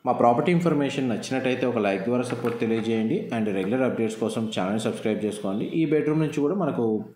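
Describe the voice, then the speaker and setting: Property tour host, male, steady explainer, mid pitch, roomy echo. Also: very fast, a little hiss or hum. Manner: steady explanatory, fillers, Telugu-English mixing. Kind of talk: walkthrough narration.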